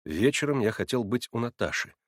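A man narrating a classic novel in a measured, even storytelling voice. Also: mid-range voice, no room sound, studio quality.

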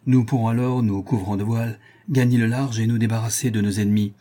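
A man's voice: lowish voice, steady tone, a little fast, mellow, natural voice. A man voicing a resolute ship captain rallying his crew in a storybook reading. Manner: firm, rallying.

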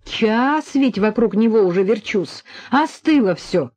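A woman's voice: a little high, animated, measured pace, a little mellow, voice pushed up. A woman reading an audiobook voicing a fussing, exasperated middle-aged mother who scolds and frets. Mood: fretting. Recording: dull lo-fi recording.

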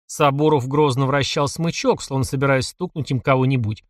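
A man reading a story aloud in expressive scripted narration. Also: medium pitch, a little fast, dry recording, studio quality. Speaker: audiobook narrator.

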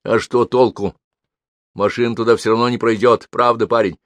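A man's voice: mid-range voice, fairly even intonation, normal speed, no room sound, natural voice. A man reading the part of a young doctor who speaks urgently and sharply. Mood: worried. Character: young male doctor, tense and quick-tempered.

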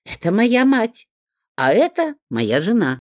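A woman voicing a quarrelsome, coarse female neighbor who yells and scolds. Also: medium pitch, huge pitch swings, takes it slowly, no room sound, studio quality, pitched above the performer's own voice. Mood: scolding.

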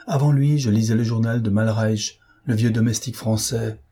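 A man voicing a proud, defiant gentleman thief in an audiobook, mocking and self-assured. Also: fairly low pitch, steady tone, moderate pace, slightly rough. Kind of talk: audiobook character reading.

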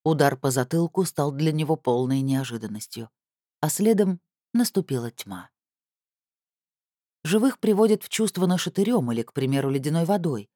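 A man narrating an audiobook in a steady, scripted storytelling voice with dramatic emphasis. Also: fairly high pitch, no echo, studio quality.

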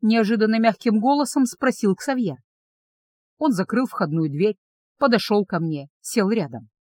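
A woman narrating a first-person fantasy audiobook in an expressive storytelling manner. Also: medium pitch, moderate pace, no room sound, studio quality.

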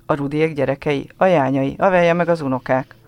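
A man reading literary prose aloud on a radio show in a measured, calm storytelling manner. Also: on the high side, no echo.

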